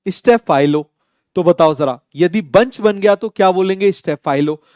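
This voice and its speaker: A young Indian man teaches biology to exam students, firing the same question again and again until the class answers. His voice sits high, smooth and clear, and it is recorded close and dry with no room around it. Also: normal speed, a little mellow, no echo. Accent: Indian English. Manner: drills students with repeated call-and-answer questions. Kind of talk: online exam-coaching lecture.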